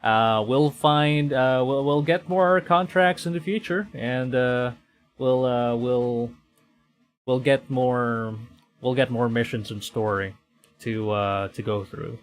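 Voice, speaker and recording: A Filipino man hosts a VTuber livestream, chatting casually over background music. His medium-pitched voice moves slowly and hesitantly, and he often repeats and rephrases his phrases.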